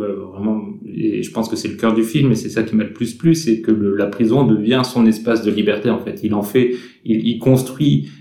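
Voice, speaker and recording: A man hosting a casual film discussion, measured and explanatory. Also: lowish voice, mellow, echoey room. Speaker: host.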